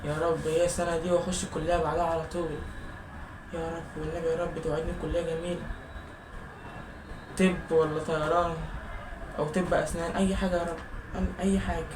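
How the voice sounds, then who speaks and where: An anxious Egyptian young man in his late teens carries a comic vlog monologue, pleading and exclaiming as a worried student. He talks quickly and fretfully. The recording sounds roomy and echoey, with loud steady noise behind him. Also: a little high. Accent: Egyptian Arabic. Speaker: high school student.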